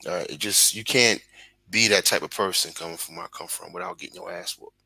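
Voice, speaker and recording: Gravelly, blunt Brooklyn man. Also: low-pitched, fast talker, sharp tone, no echo, rough recording. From Brooklyn, New York. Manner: blunt, profane, emphatic. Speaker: guest. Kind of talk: casual livestream chat. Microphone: video call.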